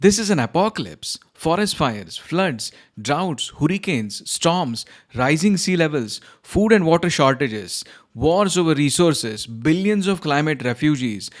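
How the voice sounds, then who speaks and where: A man playing a despairing, guilt-ridden older scientist and grandfather in an animated short, earnest and emphatic. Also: mid-range voice, normal speed, natural voice. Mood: alarmed. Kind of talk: animated short film dialogue.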